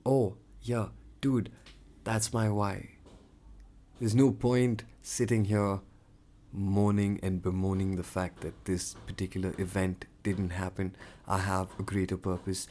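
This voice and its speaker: A young man hosting a solo podcast, talking candidly and rambling, swinging between loud bursts and murmured asides. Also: on the low side. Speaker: podcast host. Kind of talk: reflective solo podcast monologue.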